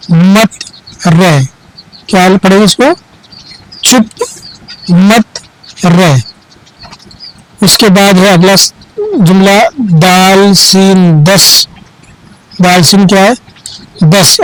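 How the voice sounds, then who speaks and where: A man teaching Urdu reading, slowly naming each letter and then repeating the word part by part. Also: sits high, clear, resonant tone, poor audio. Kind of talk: spelling out Urdu letters and words.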